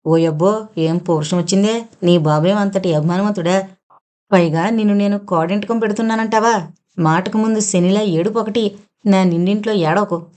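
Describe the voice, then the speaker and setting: A woman's voice: medium pitch, a little mellow, close to an everyday voice. A woman voicing a harsh scolding mother-in-law. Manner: scolding, drawn-out taunting words.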